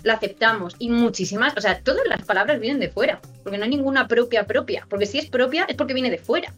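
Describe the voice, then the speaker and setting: Woman, podcast guest, Spanish teacher, animated storytelling, fairly high pitch. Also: fast, soft background music. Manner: animated, chatty storytelling with many restarts. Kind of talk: casual chat.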